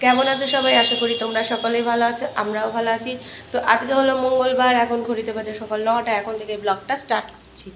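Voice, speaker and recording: Young woman vlogging at home on her phone, high voice, bit of faint noise behind, chatty and easygoing. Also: flat delivery, fast talker, a bit bright, echoey room, low-quality recording. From West Bengal, India. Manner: chatty, switches to high sing-song baby talk with her toddler. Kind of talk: casual home vlog narration. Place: home, indoors.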